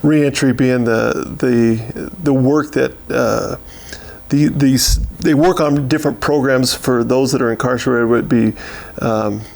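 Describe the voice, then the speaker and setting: A man with an American accent talks in a medium-pitched, gravelly voice full of creak. He answers like a sheriff in an interview, steady and unscripted. He pauses often and repeats words as he finds his way. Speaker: county sheriff giving a year-in-review.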